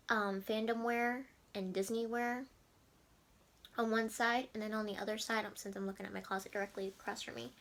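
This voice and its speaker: A woman's voice: medium pitch, a bit bright. A woman in her twenties chatting casually to camera as a vlogger, rambling with many fillers and restarts. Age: 20s.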